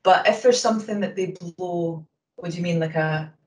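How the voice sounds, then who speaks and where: A Scottish woman answers interview questions about refereeing at a quick pace, full of ums and you-knows. She sits back from the microphone, so her voice reaches it faintly, and the room gives it a roomy echo. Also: fairly low pitch. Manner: talks quickly, with fillers. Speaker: hockey umpire. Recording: roomy sound from a distance from the mic.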